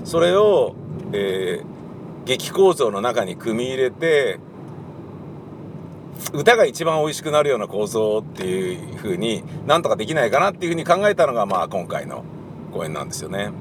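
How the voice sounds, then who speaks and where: Lively rambling man talking solo. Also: medium pitch, normal speed, noisy background. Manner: rambling, animated, slips into quoted voices. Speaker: playwright and director. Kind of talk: casual solo monologue.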